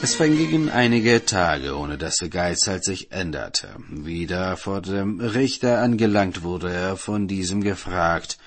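A man reading a folk tale aloud in an expressive, animated way. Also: deep voice, unhurried, few pauses, soft background music. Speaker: storyteller.

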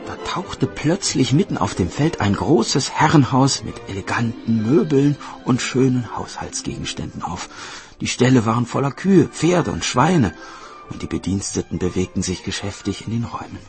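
A man narrating a fairy tale in an expressive, lively reading style. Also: mid-range voice, moderate pace, soft background music. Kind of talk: storybook narration.

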